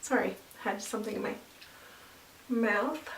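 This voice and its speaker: A woman's voice: fairly high pitch, normal speed, roomy sound, recorded from a distance, slight background noise. A woman talking casually through a makeup tutorial, explaining each step as she applies it, with easy fillers along the way. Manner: chatty, explains while applying, with fillers. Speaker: makeup vlogger.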